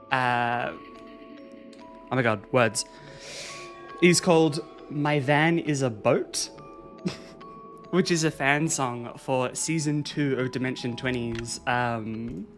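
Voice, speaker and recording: A game streamer talks casually through a live stream in a soft, soothing way, chatting with viewers and reading and answering their chat aloud. The voice is medium in pitch.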